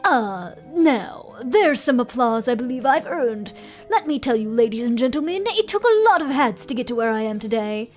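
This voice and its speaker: A woman's voice: fairly high pitch, animated, normal speed, faint music behind, close to an everyday voice. A woman voicing a flamboyant male circus clown, a showy knife-throwing ringmaster, in a grand theatrical showman's manner while reading a video game aloud. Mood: pleased, boastful.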